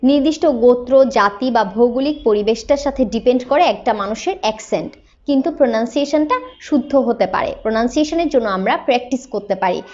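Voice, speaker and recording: A woman from Bangladesh, an English teacher, explaining patiently and slowing down to model sentences. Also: fairly high pitch, expressive, a little mellow, muffled recording. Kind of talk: explanatory lesson.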